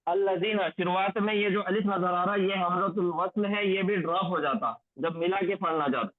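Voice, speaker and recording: A man with a high voice teaches a Quranic Arabic recitation lesson, slowing down to drill each phrase again and again. The sound is thin and phone-like, with a dry, close feel and no room around it. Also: no echo. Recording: tinny phone-like lo-fi audio, dry.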